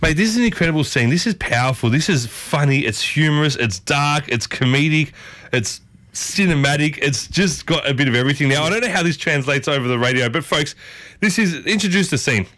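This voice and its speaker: A man's voice: a little high, expressive, a little fast, pushed and bright. Chatty man hosting radio. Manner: chatty, enthusiastic, calls people mate. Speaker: radio host. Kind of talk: casual radio interview.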